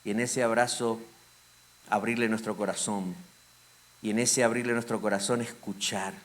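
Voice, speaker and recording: A man pastor preaching a sermon with a Rioplatense Spanish accent, swinging from loud emphatic lines to hushed, intimate ones. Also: fairly low pitch, fairly even intonation, normal speed.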